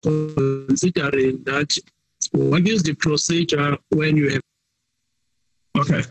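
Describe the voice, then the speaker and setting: A man's voice: on the high side, flat delivery, slow, over music. A man speaking formally in a committee meeting, his voice breaking up over a poor remote call connection as he checks whether he can be heard. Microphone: remote call line.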